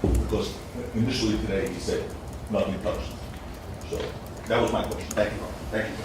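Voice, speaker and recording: A man cross-examining a witness as a lawyer in court, deliberate and insistent. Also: fairly low pitch, steady tone. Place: large indoor courtroom. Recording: noisy, very echoey courtroom, distant mic.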